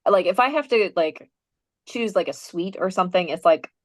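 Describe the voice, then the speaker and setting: A woman's voice: lowish voice, expressive, moderate pace, dry recording. A woman pastor from North Dakota, a podcast guest chatting casually with lots of "like". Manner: chatty, filler "like". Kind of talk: casual panel chat.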